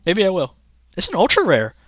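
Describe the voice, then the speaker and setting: Chatty young man streaming, lively voice. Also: sits high, a little fast, dry recording. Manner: rambling, chatty, talks to chat. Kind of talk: casual livestream chat.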